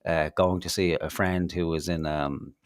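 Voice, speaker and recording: Man, podcast co-host, very low voice, rambling casual storytelling, profane, dry close sound. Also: fairly even intonation, unhurried, clean tone, dry recording. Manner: rambling, profane, many fillers and restarts.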